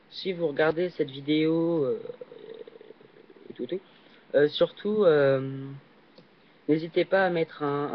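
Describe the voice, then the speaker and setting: A young man casually commenting while he plays a video game, hesitant and full of fillers, with sudden excited yelps on jumps. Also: mid-range voice. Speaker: gaming channel host. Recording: dull lo-fi recording.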